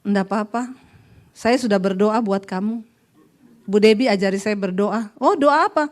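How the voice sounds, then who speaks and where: A middle-aged woman pastor preaching a sermon, telling stories and acting out dialogue with lively emphasis. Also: medium pitch, normal speed.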